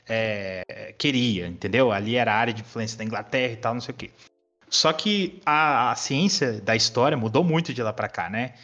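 Cut off in the highs, the audio captures a Brazilian man of twenty-nine, a history teacher guesting on a podcast, in casual conversation. He has a mid-range, slightly bright voice and explains things loosely, using slang and occasional swearing.

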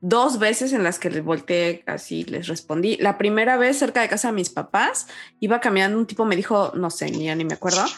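A woman's voice: mid-range voice, lively intonation, brisk, faint music behind. A Mexican woman co-hosting a podcast, recalling her experiences in a casual, reflective and somewhat hesitant way. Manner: reflective, hesitant, with fillers and trailing asides. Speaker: podcast co-host. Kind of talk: casual chat, storytelling.

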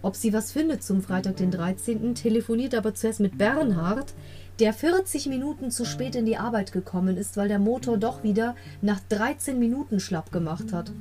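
A woman's voice: fairly high pitch, warm tone, soft background music. Giggly woman recapping an episode. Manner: giggly, enthusiastic, reads quotes slowly in a put-on voice. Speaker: podcast host recapping a radio play episode. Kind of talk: casual spoken recap with quoted lines.

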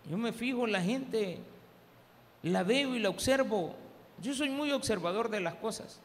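During a church service, a pastor with a Salvadoran Spanish accent preaches a sermon packed with funny personal stories, calling the congregation "hermano." His voice sits high and sounds animated at a measured pace, while the church hall adds long reverb over faint background noise.

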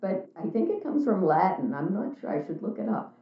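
A woman's voice: medium pitch, big pitch swings, a little fast. A woman being interviewed, talking in a frank, chatty way in a casual conversation. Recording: echoey room, tinny phone-like sound.

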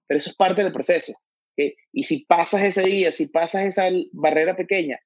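A man from Venezuela with a Venezuelan accent, talking as an interview guest in a halting way, restarting often and slipping in English words. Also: high-pitched, slightly rough, dry recording, muffled recording. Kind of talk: casual interview talk.

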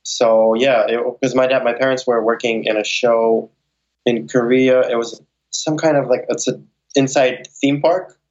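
A man's voice: mid-range voice, fairly even intonation, measured pace, a little mellow, highs cut off. A young man born in Moscow and raised in Ukraine and Las Vegas, answering interview questions in a loose, rambling way with many fillers and restarts. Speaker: guest, circus straps performer.

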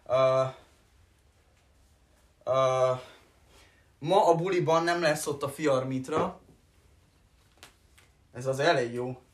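Young male co-host, playful rhyming banter, echoey room sound. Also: mid-range voice. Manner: joking, quick rhyming banter. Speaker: co-host of an internet radio show. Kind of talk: casual chat, improvised rhymes.

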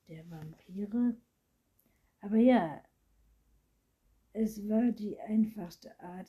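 A woman's voice: on the low side, mellow, breathy edge, heavily acted. Mocking boy vampire, as a woman reader puts him on. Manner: hissing, teasing, often whispered. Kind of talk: storybook reading.

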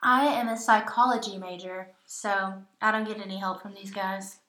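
A woman's voice: medium pitch, steady tone, normal speed, bright, forceful tone. A young woman joins a podcast chat, speaking modestly and poking fun at herself. Her voice comes with a noticeable room echo. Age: young adult. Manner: modest, self-deprecating. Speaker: podcast guest. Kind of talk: casual chat. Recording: roomy echo.

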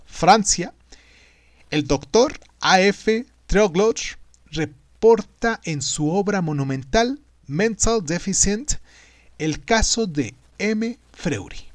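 Guy narrating a scripted story, really lively and dramatic, dry close sound. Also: fairly high pitch, no room sound. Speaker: podcast host and narrator.

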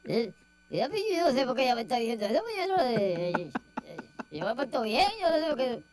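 A woman's voice: a little high, big pitch swings, a little fast. A woman with a Puerto Rican accent voicing a grumpy, gossiping rat who hates everyone, in a radio comedy sketch. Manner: cranky, complaining gossip. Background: music.

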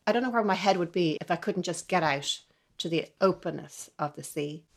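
Earnest woman, soft and wondering. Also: on the low side, a little fast. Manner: earnest, wondering, trails into soft near-whispers. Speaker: guest, violinist. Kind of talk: reflective interview talk.

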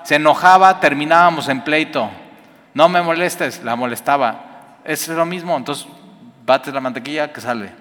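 A man's voice: on the high side, moderate pace, bright, forceful tone, big-room sound. A man preaching a sermon in a conversational way, asking his listeners questions. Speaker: pastor.

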